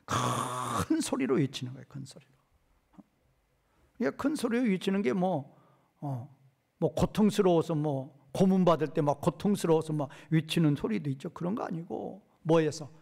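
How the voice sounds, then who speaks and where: A male pastor giving an expository Bible lecture, posing questions to his hearers and answering them himself, reading verses slowly. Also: fairly high pitch, expressive, gravelly, a little mellow. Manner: reads verses slowly and drawn out.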